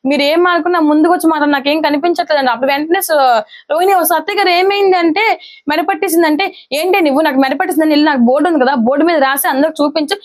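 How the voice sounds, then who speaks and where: A woman retelling a TV serial episode in a casual recap, acting out the characters' lines as she goes. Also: sits high.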